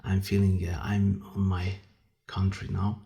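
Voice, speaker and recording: Low-voiced Azerbaijani man in conversation. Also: monotone, gravelly, warm tone. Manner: halting, searches for words in non-native English. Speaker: guest, musician and conductor. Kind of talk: casual interview conversation.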